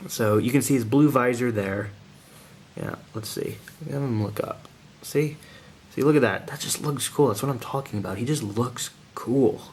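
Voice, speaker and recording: A man's voice: medium pitch, moderate pace, a little mellow, a little hiss or hum. A man giving a casual hands-on toy review in an informal, slangy, enthusiastic manner.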